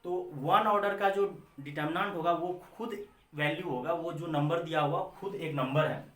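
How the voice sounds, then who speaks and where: An Indian man teaches maths in a classroom lecture, repeating his points and answering his own questions. His voice sits a little high. The recording is roomy and echoey, with the mic set some way off. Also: normal speed, fairly bright tone, slight background noise. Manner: addresses students as children. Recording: echoey room, mic far off.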